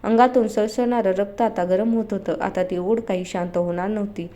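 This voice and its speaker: A woman reading a romantic story aloud in an expressive, dramatic storytelling manner. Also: medium pitch, normal speed. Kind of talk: scripted story narration.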